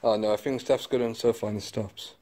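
A man's voice: lowish voice, steady tone, fast talker, dark tone. A man casually narrating a walking vlog while exploring woods and caves, exclaiming at what he finds. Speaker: vlogger. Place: woodland outdoors and inside a cave. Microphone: handheld camera mic.

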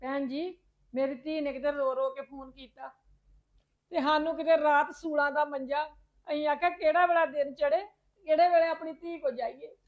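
A woman plays an anxious mother of the bride who speaks in a pleading way. Her voice is high, and the recording sounds dull and lo-fi. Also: fairly even intonation, normal speed, close to an everyday voice. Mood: worried. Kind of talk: amateur family drama acting.

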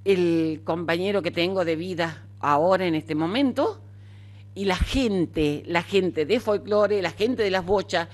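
A woman's voice: lowish voice, measured pace. An older woman with an Argentine accent, telling her own story frankly and chattily in an interview, with many fillers. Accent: Argentine Spanish. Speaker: interviewee, cancer survivor. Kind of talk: casual conversational storytelling.

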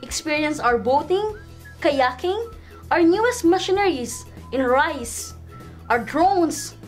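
Filipino woman, twenties, highish voice, soft music under. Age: 20s. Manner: mixes Tagalog and English, many restarts. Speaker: science research specialist. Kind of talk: casual explanation.

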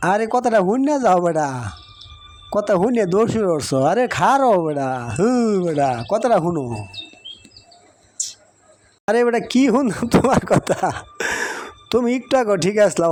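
A man voicing an excitable middle-aged village father in a cartoon, with a loud, pleading way of talking. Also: high-pitched, slight background noise. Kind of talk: cartoon voice acting.

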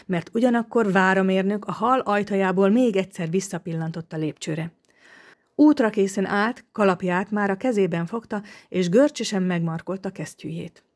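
A woman narrating a detective novel audiobook in a steady, measured reading. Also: medium pitch. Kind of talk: scripted narration.

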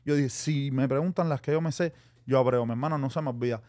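A man's voice: medium pitch, fast. A man, a podcast guest telling a story in casual chat, acting out what people said to him. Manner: animated storyteller acting out quotes, calls listeners "mi hermano".

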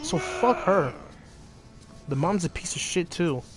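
A young man commentating a video game playthrough, excitable and profane, reacting loudly to the action. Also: high-pitched, unhurried, over music. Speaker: gaming channel host. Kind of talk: casual let's-play commentary.

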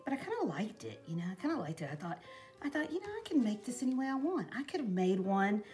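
A very animated middle-aged woman talks fast in a fairly high voice with a darkish tone, and faint music plays in the background. She is a craft vlogger rambling through a project demo at a craft table in her home. She says "you know" constantly.

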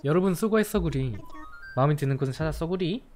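Playful let's-play streamer, very expressive delivery, jokey and teasing, faint music bed. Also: mid-range voice, fast talker. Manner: playful, teasing, swears jokingly, gushes over cute things. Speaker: game streamer. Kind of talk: casual let's-play chat.

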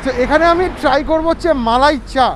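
Vlogger speaking through a face mask, fast and high, faint traffic behind. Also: male voice, fairly bright tone. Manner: chatty and enthusiastic, mixing English into Bengali. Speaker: food vlogger host. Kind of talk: casual food vlog talk to camera. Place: roadside tea stall by a busy road, outdoors. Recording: faint outdoor traffic noise. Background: traffic noise.

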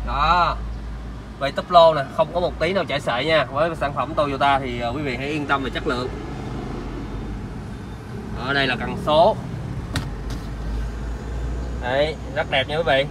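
Male used car salesman, southern Vietnamese accent, higher-pitched, improvised reassuring walkaround pitch, noticeable outdoor lot noise. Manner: salesman's pitch, repeatedly addressing viewers with reassurances.

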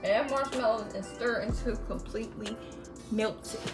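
A woman's voice: a little high, a little slow. A young woman co-hosting a home cooking vlog, following the recipe and scolding her partner in a practical, matter-of-fact way. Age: young adult. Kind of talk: casual cooking vlog chat. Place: home kitchen. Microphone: phone camera some distance away. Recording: echoey kitchen from a distance, music behind.

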